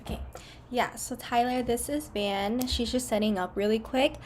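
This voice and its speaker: A young woman hosting a video call, introducing two people in a brisk, organizing way. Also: fairly high pitch, fairly even intonation, a little mellow, slight background noise. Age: young adult. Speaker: host of the meeting.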